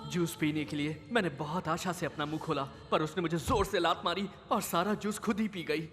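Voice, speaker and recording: A man's voice: on the high side, steady tone, a little fast, over music, close to an everyday voice. A man voicing a newborn baby boy who narrates his fears in a wry, self-pitying dubbed film narration.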